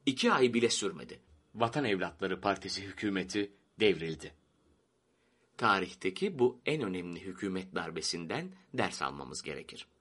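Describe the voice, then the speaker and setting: A man reading a satirical story aloud as an audiobook, with expressive, lively storytelling. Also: low voice, moderate pace, slightly rough. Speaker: narrator.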